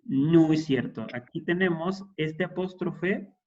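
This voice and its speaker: A man's voice: fairly high pitch, takes it slowly, a little mellow, lo-fi sound. A man teaching an introductory Hebrew class, explaining patiently and checking in with his students. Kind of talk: classroom lesson.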